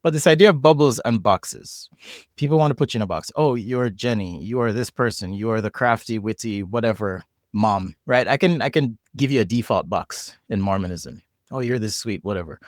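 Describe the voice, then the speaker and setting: This podcast guest, a Jamaican man with a matching accent, speaks fairly quickly in a fairly low voice. The studio-quality recording is dry. His talk is casual and reflective, with frequent restarts and repeated words as he thinks.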